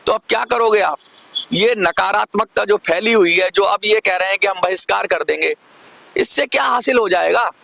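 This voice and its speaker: High, gravelly-voiced man arguing his point. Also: normal speed, bright, forceful tone, no room sound. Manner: persuasive, asks viewers to comment; argumentative, repeats points for emphasis. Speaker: channel host. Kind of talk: direct-to-camera commentary.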